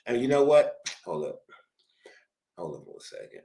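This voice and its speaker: A man hosting a show, reacting to a clip with animated, slangy, preachy advice. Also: medium pitch, normal speed, gravelly. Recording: roomy echo.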